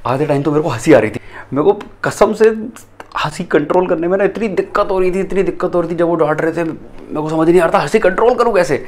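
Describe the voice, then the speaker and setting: Fast-talking young man vlogging at home. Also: mid-range voice, a little hiss or hum. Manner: rapid, breathless, repeating himself. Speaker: vlogger pranking his parents. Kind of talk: excited to-camera vlog talk. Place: family home indoors. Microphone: handheld camera.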